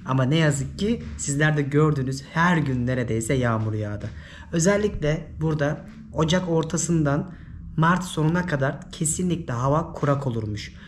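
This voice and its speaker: A man from Turkey whose voice is hoarse and giving out from illness, giving informal travel advice as a vlogger. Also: on the high side. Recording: noisy ambient background.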